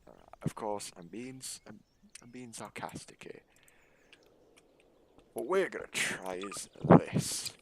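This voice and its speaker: Low gravelly man narrating gameplay, sarcastic. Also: slow, long pauses, slight background noise. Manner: sarcastic, mock-boastful showman. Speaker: gaming YouTuber. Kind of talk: casual gameplay commentary.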